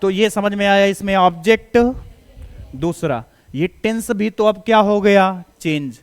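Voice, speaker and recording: A man's voice: high-pitched, measured pace, clean tone, faint music behind. A man with a Hindi accent teaching English grammar to students. He keeps asking quiz questions and answering them himself, in a coaxing, reassuring tone. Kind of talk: classroom grammar lesson.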